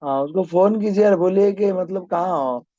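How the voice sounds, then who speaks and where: A brisk male maths teacher with a fairly high voice, pressing his class to finish their sums, and drifting into loose chat in between. His voice sounds dry, close and a little dull, recorded in a classroom. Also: dark tone, no room sound. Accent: Hindi-speaking, from north India. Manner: brisk, urging students to hurry. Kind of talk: classroom teaching and banter with students.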